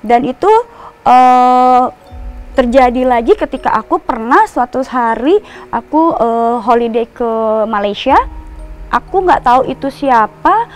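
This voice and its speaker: A woman's voice: high voice, lively intonation, unhurried, soft background music. A woman from Java telling a personal story as a guest, rambling with restarts and asides. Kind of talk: casual storytelling.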